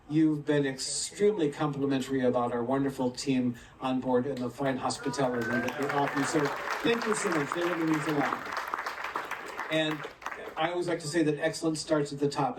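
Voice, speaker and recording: A man's voice: fairly high pitch, noisy background. A man from Michigan, a cruise director emceeing on stage and playfully working the audience. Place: ship's theater stage with audience. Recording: distant echoey hall, loud crowd.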